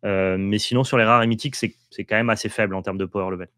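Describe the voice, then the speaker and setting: A man co-hosts a relaxed card-game chat and states his views firmly and quickly. His voice is fairly low. The recording is dry and close. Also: no room sound. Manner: quick, assertive opinions. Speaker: co-host. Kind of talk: casual card-game discussion.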